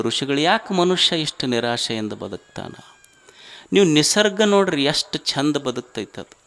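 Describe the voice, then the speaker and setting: A man's voice: a little high, fairly bright tone. A man with a North Karnataka Kannada accent, a monk giving a village sermon who tells folk stories, repeats lines for emphasis and puts rhetorical questions to the audience. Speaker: monk giving a religious discourse.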